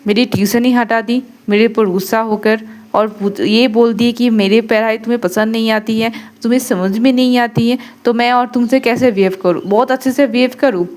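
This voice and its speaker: A woman's voice: on the high side, steady tone, fairly quick, darkish tone, close to an everyday voice. A woman voicing a stern, sarcastic female professor who is feverish and irritable, scolding with pointed questions.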